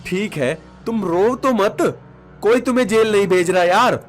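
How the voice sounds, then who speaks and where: A man voicing an earnest young husband and son in an animated story, gently reassuring. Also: high voice, normal speed, natural voice. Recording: background music under the voice.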